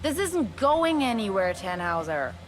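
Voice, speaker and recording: A woman's voice: medium pitch, very animated, unhurried, slight background noise. A woman voicing an impatient, blunt young woman companion.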